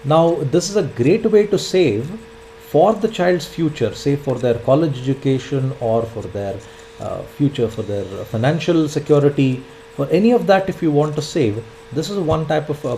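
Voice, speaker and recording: Twenties male instructor, mellow voice, repeats himself, faint background noise. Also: a little high, lively intonation, moderate pace, low-quality recording. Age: 20s. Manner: filler-heavy, repeats points, says "in fact" often. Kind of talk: explanatory e-learning lecture.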